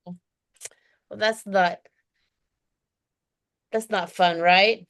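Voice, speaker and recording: A woman's voice: mid-range voice, fairly even intonation, very slow, a bit bright. A woman teaching an online English lesson, chatty and encouraging, with frequent laughs; she is dizzy today. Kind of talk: one-on-one online lesson chat.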